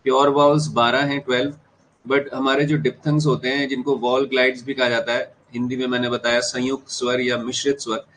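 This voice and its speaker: A man's voice: mid-range voice, level tone, a little fast, fairly bright tone, a little hiss or hum, poor audio. A man with an Indian accent teaching an exam-prep class, switching between Hindi and English, repeating key terms and checking whether students follow. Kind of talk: classroom lecture.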